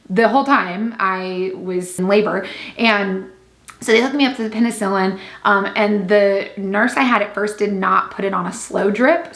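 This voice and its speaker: A woman's voice: medium pitch, fairly bright tone. Chatty young woman in an echoey room. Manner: chatty, laughing, full of fillers and quoted asides. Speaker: vlogger. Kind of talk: casual storytelling vlog.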